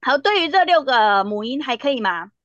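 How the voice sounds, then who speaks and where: A woman's voice: high voice, moderate pace, no room sound, lo-fi sound. A woman teaching a Korean pronunciation class, checking in with her students again and again. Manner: lively, with many checking tags like "哈" and "对不对". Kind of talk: classroom lesson.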